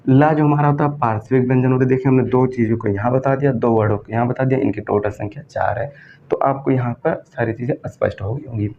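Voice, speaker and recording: Speaking fast in a steady, medium-pitched voice, a man with a Hindi accent from northern India runs an exam-prep grammar lesson, answering his own questions and drilling key terms. The recording is dull and lo-fi, with faint noise behind him.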